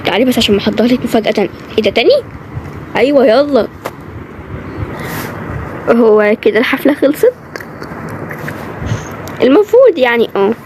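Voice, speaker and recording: An Egyptian woman performs a home-made animated drama, moving briskly from one role to the next in everyday conversational lines. Her voice sits fairly high for a woman. A faint background hiss runs under it. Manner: quick, chatty lines shifting from role to role.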